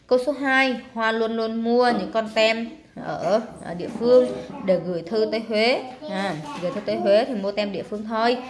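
A woman's voice: on the high side, moderate pace, few pauses, slight background noise. A woman teaching, walking through workbook exercises step by step, drawing out words and stressing syllables, with many fillers. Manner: explains step by step with frequent fillers. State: tired. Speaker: English teacher. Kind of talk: workbook lesson walkthrough.

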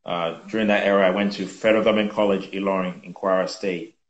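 Low-voiced man in his fifties, echoey call. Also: fairly even intonation, dull audio. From Nigeria. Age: 50s. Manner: measured, reflective, with frequent fillers. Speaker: guest. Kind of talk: conversational interview. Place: home room with bookshelves. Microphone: video call. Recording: echoey room on video call.

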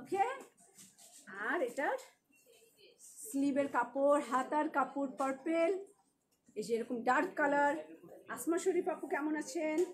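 A woman's voice: sits high, unhurried, long pauses. A woman with a Bangladeshi Bengali accent, a shop owner selling clothes on a live stream, chatty and joking as she greets viewers by name.

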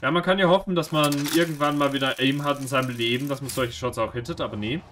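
Guy streaming a shooter, nervous and sweary, mutters then yells, mid pitch, tiny bit of faint noise. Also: quick pace. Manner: jumpy, swears, anxious self-mocking; swings from mutters to sudden shouts. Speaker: gaming streamer. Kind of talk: live gameplay commentary.

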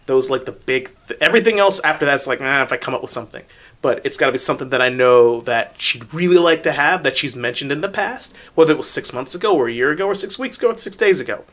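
A man in his forties co-hosting a podcast, loud and emphatic, swearing and laughing in casual chat. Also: medium pitch, lively intonation, quick pace. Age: 40s. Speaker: podcast co-host.

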